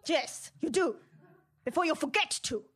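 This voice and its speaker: Comedy radio-play villainess: a woman doing a vain, cackling Nazi schemer, high German-accented voice. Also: lively intonation, normal speed, fairly bright tone. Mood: scheming. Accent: put-on German. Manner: menacing, gloating, cackling. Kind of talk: comedy audio drama.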